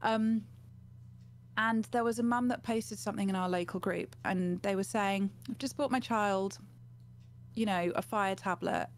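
Speaking a little slowly in a medium-pitched voice, a woman in her forties shares conversational anecdotes as an interview guest. She is a gaming streamer joining a video call from a small home room, and the clear recording carries background noise and a hum.

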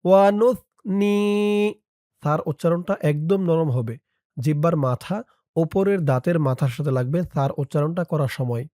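A man with a Bangladeshi Bengali accent teaching a prayer in an Arabic lesson, spelling out each letter and vowel mark and then reciting the words slowly and drawn out. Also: a little high, dark tone, no room sound, clean studio sound. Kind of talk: slow syllable-by-syllable recitation lesson.

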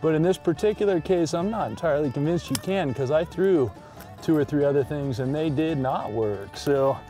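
A man's voice: on the high side, normal speed, warm tone, soft background music. Chatty man hosting from a fishing boat. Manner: chatty, addresses viewers as guys. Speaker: fishing show host. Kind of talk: casual on-the-water fishing commentary. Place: on a fishing boat on a lake, outdoors.

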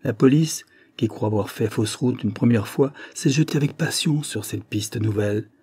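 Guy reading a guilt-wracked young man, warm husky voice, dry sound, storybook confession. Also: medium pitch, normal speed. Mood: bitter. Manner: tormented, rising to desperate outbursts. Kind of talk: audiobook reading.

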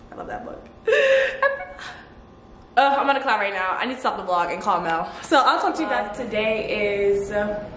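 A young woman chatting excitedly to the camera in her apartment for a casual vlog. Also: mid-range voice, slight background noise. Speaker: vlogger. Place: apartment at home. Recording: echoey room.

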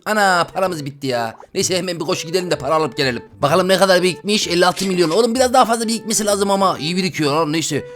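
A man giving excited let's-play commentary as a gaming YouTuber, exclaiming loudly and chatting with his viewers. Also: high voice, racing, hardly any pauses, faint music behind.

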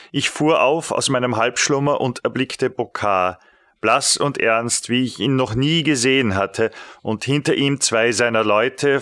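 A man narrating an audiobook in a measured, dramatic scripted reading. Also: mid-range voice, a bit bright, dry recording, studio quality.

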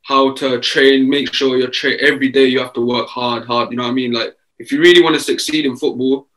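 Eighteen-year-old footballer on a video call. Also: male voice, medium pitch, fairly quick, poor audio. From England. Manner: relaxed, easygoing, many fillers. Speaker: footballer guest. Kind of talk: casual interview answers. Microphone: video call webcam.

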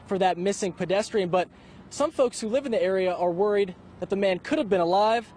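A male TV field reporter with a notably high voice, delivering a live news report in a clear, measured way. Faint outdoor sound lingers behind him. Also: a little mellow, slight background noise.

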